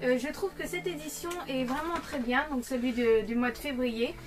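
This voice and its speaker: A woman, chatting casually to camera and explaining things in a halting way. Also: high voice. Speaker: co-host of a video game collecting vlog. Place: small game-collection room indoors. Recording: distant camera mic, faint music.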